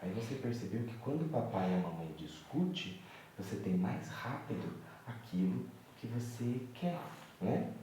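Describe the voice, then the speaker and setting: A young man talks gently to his baby son late at night, coaxing and moralizing in a low, mellow voice. He is recorded at home on a camera mic set some distance away, so his voice sounds thin and far off. The room adds a heavy echo, with a faint hum of room noise underneath. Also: very animated, moderate pace. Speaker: vlogger and father.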